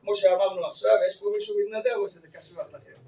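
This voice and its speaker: A man leading an interactive lesson on Torah cantillation, briskly urging participants to read on. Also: high voice, steady tone, mellow. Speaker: teacher of Torah reading to teachers. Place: classroom or hall with group. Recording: echoey room, far from mic.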